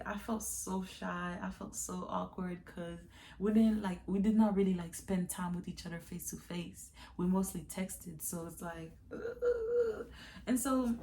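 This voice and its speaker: Young woman, mellow warm tone, chatty storytime vlog, talks to viewers as y'all. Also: fairly low pitch, a little hiss or hum. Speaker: vlogger. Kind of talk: casual storytime confession.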